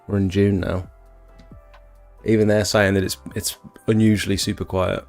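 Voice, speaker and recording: A British exterior cleaning tradesman in his thirties livestreams from his small bedroom-cum-office, chatting loosely while reading out comments and answering them. He speaks in a lowish, creaky, slightly mellow voice with little pitch movement at a moderate pace, soft music playing underneath.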